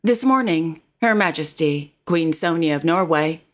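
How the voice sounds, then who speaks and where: A woman's voice: deep voice, expressive, measured pace. A woman presenting royal news in a formal, carefully read narration. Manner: formal, reads titles and quotes carefully.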